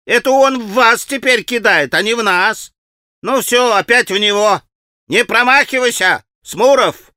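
A man voicing a rowdy gang of schoolboys in an audiobook, shouting and taunting. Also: high-pitched, very animated, moderate pace, no room sound, studio quality, voice pushed up, heavily acted. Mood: agitated.

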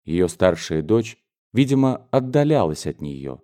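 A man narrating an audiobook of a classic novel in an expressive, measured way. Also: low voice. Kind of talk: scripted narration.

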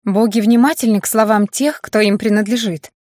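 A woman's voice: medium pitch, steady tone, brisk, darkish tone, dry recording, clean studio sound, lightly acted. A woman voicing an earnest young female student answering carefully in class.

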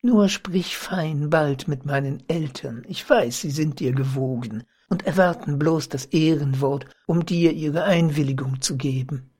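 A deceitful young woman confides in her secret lover in a hushed, half-whispered voice, as a reader puts her on. The tone is husky and the pace slow, in an audiobook of old literary prose. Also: mid-range voice. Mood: scheming, hushed.

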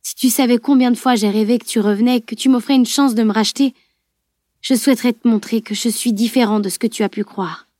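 A woman reading the voice of a remorseful young man apologizing softly in an audiobook. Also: a little high, steady tone, fast, no echo, studio quality, natural voice. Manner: soft, apologetic.

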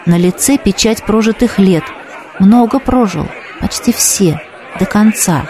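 High-voiced male audiobook narrator. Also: animated, a little hiss or hum. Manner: measured storytelling, voicing shouts from the crowd.

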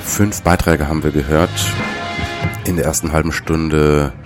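A man's voice: extremely low pitch, steady tone, measured pace. A man, presenting scripted commentary and programme summaries as a radio host. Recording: music behind the voice. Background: music.

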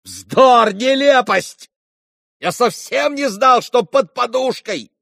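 A man voicing a hot-tempered young man accused of murder, who shouts breathless protests in an audiobook. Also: very high-pitched, slow pace, creaky, no room sound, clean studio sound, voice pushed up, full character voice. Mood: frantic.

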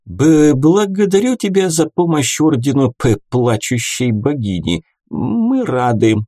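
A stern older treasurer of a holy order who stammers on the start of each curt phrase, as a male audiobook narrator puts him on. His tone is mellow and dark, and the reading sounds close and dry. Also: medium pitch, sing-song, unhurried, no echo, pitched above the performer's own voice.

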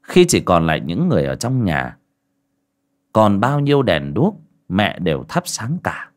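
A man narrating a horror audiobook in a measured, dramatic storytelling manner. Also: sits low, huge pitch swings.

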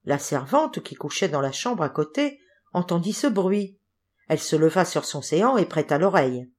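Expressive low-pitched woman reading a fairy tale. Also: husky. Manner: expressive, measured. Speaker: audiobook reader. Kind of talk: storybook narration.

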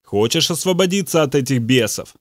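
Brief: steady commanding pastor, mid-range voice, read by a man. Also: medium pitch, brisk, no echo, natural voice. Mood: firm. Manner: firm and commanding. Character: calm, firm male pastor. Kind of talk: audiobook reading.

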